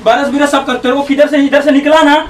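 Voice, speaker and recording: A man from Bihar working in a small salon, arguing forcefully and bossily, repeating his demands for respect. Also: extremely high pitch, flat delivery, fast, a little hiss or hum. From Bihar, India. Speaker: salon barber. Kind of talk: heated argument in a prank video. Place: small salon shop indoors. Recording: echoey room, voice from far off.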